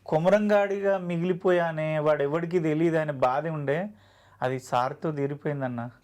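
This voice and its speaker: A man's voice: fairly high pitch, steady tone, normal speed, darkish tone. Emotional man. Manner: earnest, emotional, acts out quoted dialogue. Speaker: actor, interview guest. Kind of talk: emotional interview storytelling.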